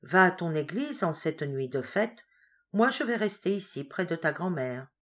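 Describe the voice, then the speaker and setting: A frail, gentle boy, read by a woman, speaks faintly and humbly. The storybook reading keeps a low, soft tone. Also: animated, moderate pace. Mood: humble. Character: weak, gentle dying boy Ahmed.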